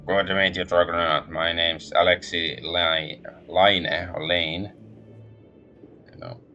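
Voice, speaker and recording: A man voicing a shrewd, heavyset male troll on prosthetic legs in a video game, speaking in a calm, plain way. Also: low-pitched, takes it slowly, vocal fry, dull audio, soft background music, exaggerated voice. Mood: friendly.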